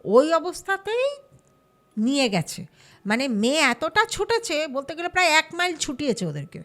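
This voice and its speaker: A woman telling a true ghost story casually, lively and acting out the people she quotes. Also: high-pitched, moderate pace. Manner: lively, acts out quoted voices. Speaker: storyteller guest.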